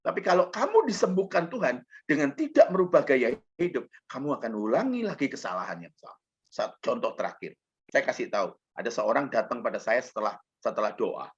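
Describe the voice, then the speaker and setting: A male pastor delivers a sermon in a husky, slightly rough voice at a middling pitch. He moves between hushed, intimate storytelling and loud, emphatic preaching, often turning to the congregation directly. The recording sounds dull and lo-fi. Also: sing-song, brisk. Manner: addresses the congregation directly as brothers and sisters.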